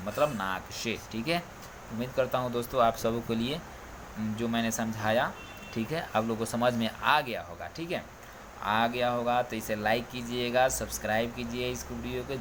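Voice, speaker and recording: A male coaching teacher walks students through Hindi sounds, repeating each letter and checking in constantly. His voice sits at an ordinary middle pitch. A faint hiss of background noise runs under the recording. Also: a bit bright. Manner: drilling, repeats "ठीक है" often.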